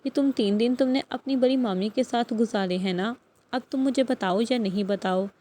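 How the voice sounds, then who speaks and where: In an audiobook novel, a woman with a slightly high, mellow, natural voice reads the lines of a domineering young husband. Her delivery is stern, with a commanding, threatening tone.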